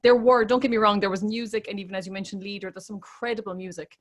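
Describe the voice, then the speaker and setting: An Irish woman gives a candid interview as a singer. She speaks in a reflective, conversational way, questioning herself as she tells her story, with a voice of ordinary middle pitch. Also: fairly even intonation, quick pace. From Ireland. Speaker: interview guest, classical crossover singer.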